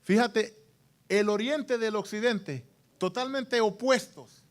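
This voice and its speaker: A man's voice: sits high, slow pace. A man preaching a sermon as pastor, calling for amens and repeating phrases for emphasis.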